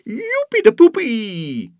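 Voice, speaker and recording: A man voicing a small girl astronaut who is alone in her rocket, speaking in a high, breathy childlike voice. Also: very animated, slow pace, a little mellow, no echo, studio quality, heavily acted. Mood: overjoyed. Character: little girl astronaut, lonely but cheerful.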